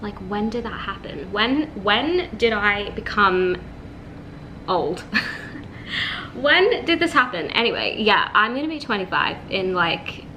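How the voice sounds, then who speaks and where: A woman's voice: mid-range voice, slow pace. Chatty young woman vlogging at home. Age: 20s. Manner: chatty, relaxed, peppered with "like". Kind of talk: casual vlog chat. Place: at home, indoors. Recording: noticeable room ambience noise.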